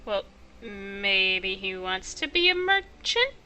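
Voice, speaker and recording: A woman's voice: medium pitch, big pitch swings, takes it slowly, bright, forceful tone, a little hiss or hum. A woman doing casual, playful let's play commentary, chatting away and reading dialogue choices aloud. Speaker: let's player.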